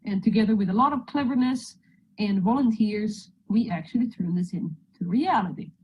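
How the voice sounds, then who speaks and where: A Swedish-accented woman from Sweden presents as a guest over a video call, keeping things friendly and joking as she slides through her talk. Her voice sits mid-range at a moderate pace. The highs are cut off, with slight background noise.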